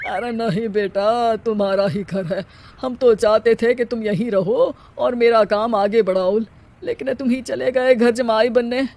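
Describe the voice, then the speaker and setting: A woman voicing a weary middle-aged father in a cartoon, measured and dryly resigned. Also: a little high, fairly even intonation, darkish tone.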